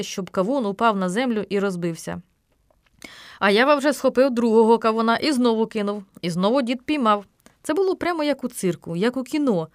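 A woman narrating a children's story aloud, lively and acting out the characters. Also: mid-range voice, dry recording, clean studio sound.

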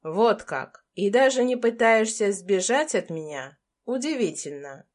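A woman's voice: mid-range voice, expressive, unhurried, darkish tone, natural voice. A woman voicing a cold, domineering billionaire man in an audiobook, with curt, controlling and menacing lines.

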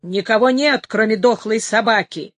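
A woman voicing a furious, menacing male thug who shouts threats in a read-aloud story. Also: fairly high pitch, moderate pace, no room sound, close to an everyday voice.

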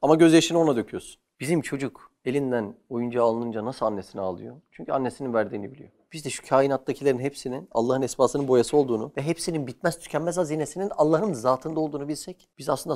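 A man giving a lively religious lesson, asking questions and answering them himself. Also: medium pitch, quick pace, few pauses. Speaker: religious teacher.

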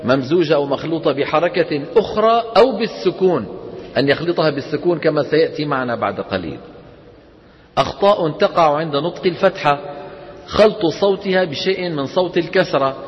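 A man teaching a tajweed lesson to a class, explaining and then demonstrating slow, drawn-out recitation. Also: a little high, lively intonation. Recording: dull echoey lecture hall recording.

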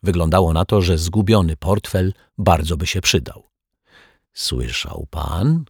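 A man narrating a children's audiobook in a calm, even storytelling manner on a close mic. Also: low-pitched, normal speed, slightly rough, dry recording. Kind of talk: scripted narration.

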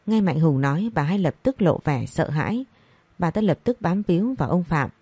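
A woman narrating a scripted story, reading each character's lines in the same even voice. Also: lowish voice, moderate pace, husky, no echo. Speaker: audiobook narrator.

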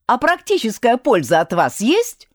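A woman's voice: on the high side, huge pitch swings, measured pace, no echo, exaggerated voice. Woman doing blunt practical young male necromancer, dry close storybook read. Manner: blunt and matter-of-fact.

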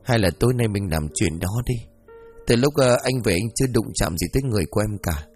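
A blunt, irritable young wife speaks in a quick, direct way, as a man reads her aloud. The voice is low-pitched, with a lively melody. It is a storybook reading over faint music. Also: husky. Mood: coaxing.

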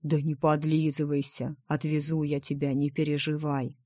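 A woman reading the part of a gruff, protective male dragon in an audiobook, talking bluntly and teasingly. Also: deep voice, monotone, normal speed, a little mellow, dry recording, studio quality.

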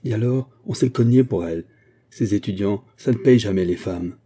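A man's voice: lowish voice, moderate pace, warm tone, breathy edge. A man reading aloud, voicing a touchy, gossipy young male salesman in a storybook. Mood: indignant.

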